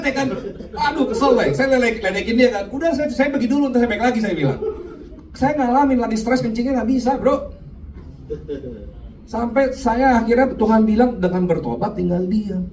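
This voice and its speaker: Male preacher sharing testimony, high-pitched, animated, recorded from a distance with light background hiss. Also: normal speed. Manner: animated, addresses listeners directly, often says "Pak". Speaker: speaker at a men's fellowship. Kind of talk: sermon with personal testimony. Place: church men's meeting room. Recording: echoey room, far from mic, light noise.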